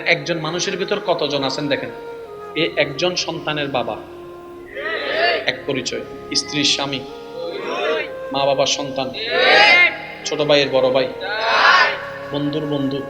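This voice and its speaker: Shouting preacher over crowd and music. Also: male voice, a little high. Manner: shouting, calls on crowd to answer. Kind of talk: Bengali waz sermon. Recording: loud music and crowd behind.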